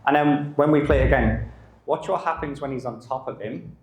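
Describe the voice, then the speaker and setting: A middle-aged man, a dog behaviour specialist, giving a live masterclass in a calm manner and short broken phrases. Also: medium pitch, normal speed. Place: live lecture venue. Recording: roomy echo.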